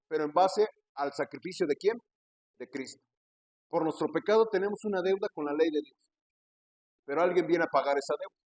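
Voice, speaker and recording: Mexican pastor preaching, slightly high voice, dry close sound, rhetorical questions throughout. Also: male voice, darkish tone, no room sound, poor audio. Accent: Mexican Spanish. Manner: preaching, peppers speech with "hermano" and rhetorical questions. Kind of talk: sermon. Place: church.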